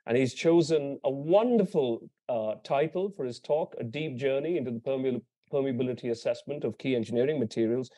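Male host, mellow tone, reading a speaker intro from notes. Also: medium pitch, fairly quick, few pauses. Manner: reads partly from notes, with small slips. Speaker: event host.

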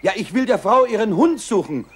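A man voicing a chatty talking mouth in a children's show, playful and quick to scold. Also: high voice, lively intonation, husky. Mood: eager, cheeky. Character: chatty talking mouth, cheeky and eager to talk. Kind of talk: children's television acting.

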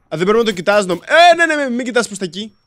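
A young man co-hosting a casual let's-play, jumpy and quick to yelp or laugh when scared. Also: sits high, sing-song, a bit bright, no echo, studio quality. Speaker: gaming co-host.

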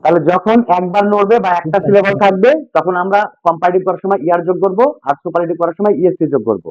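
A man's voice: sits high, fast talker, darkish tone, dry recording. A man teaching English grammar to a class, repeating key points and asking students questions. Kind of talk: classroom lesson with call-and-response. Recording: dull, dry lo-fi sound.

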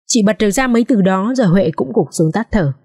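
A woman narrating a dramatic social drama audiobook in an expressive storytelling manner. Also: medium pitch, quick pace, husky.

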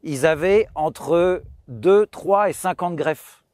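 A man in his late thirties walks visitors through his farm, speaking casually with frequent pauses and fillers. His voice sits a bit high for a man. The sound is dry and close, with no room echo. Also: darkish tone. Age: 30s. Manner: hesitant, many fillers and restarts. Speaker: farmer giving a farm tour. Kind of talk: casual spoken explanation. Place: outdoors on a farm.

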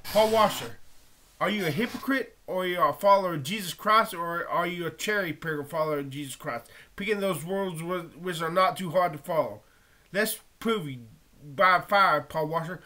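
Man critic, high pitched, preachy and confrontational, unscripted rant. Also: moderate pace, bright, forceful tone. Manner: preachy, confrontational, quotes old-style scripture aloud. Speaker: video critic reacting to a documentary. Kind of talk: impassioned off-the-cuff commentary.

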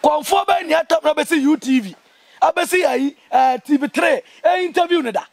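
A young Ghanaian man giving an impassioned interview, speaking in an emphatic, indignant and animated way. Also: very high voice, normal speed, creaky, no room sound. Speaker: interview guest, traditional priest. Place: outdoors among trees.

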